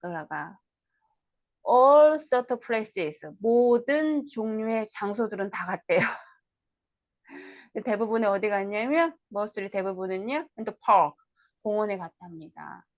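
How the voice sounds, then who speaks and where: A woman tutor giving an online lecture on an English play, reading lines slowly and explaining them in Korean, with questions to the viewers. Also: medium pitch, expressive, no echo.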